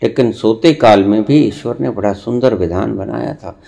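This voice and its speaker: A man giving a spiritual discourse, slow and deliberate with long pauses, lecturing and rebuking his listeners. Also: fairly low pitch, gravelly, dark tone. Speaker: spiritual teacher.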